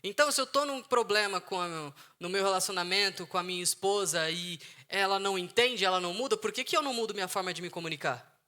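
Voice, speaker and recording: Bright-voiced Brazilian psychologist man. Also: high voice, fast. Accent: Brazilian Portuguese. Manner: earnest, repeats key phrases for emphasis. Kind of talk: emotional intelligence talk to an online audience. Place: outdoors in the sun.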